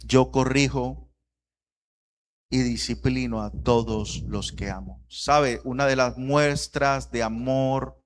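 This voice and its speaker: A man in his thirties, a pastor, preaching a sermon that moves from quiet reflection to loud, rising repetition. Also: medium pitch, steady tone, takes it slowly.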